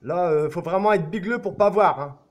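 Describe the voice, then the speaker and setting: A man's voice: high voice, normal speed. A man talking to camera in a casual, insistent, repetitive way, often checking that his viewers agree and swearing now and then. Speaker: video blogger.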